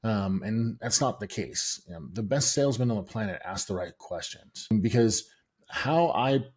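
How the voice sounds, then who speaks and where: Appearing as an interview guest, a middle-aged man from the United States who founded a sales and software business explains his sales process. His voice is low and husky, and he speaks in a measured, steady way with frequent "um" pauses.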